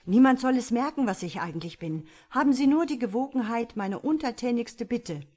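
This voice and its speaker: Brief: huffy young clerk, fawning then easily riled, as a woman narrator voices him, loud. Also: fairly high pitch, animated, normal speed, pitched above the performer's own voice. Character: young man, fussy, touchy clerk.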